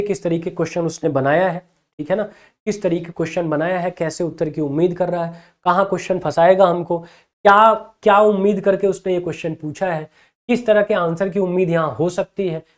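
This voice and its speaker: A man's voice: high voice, a little fast. Encouraging male teacher giving exam tips. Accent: Hindi. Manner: encouraging, repeats "ठीक है ना" often. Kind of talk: exam advice lesson.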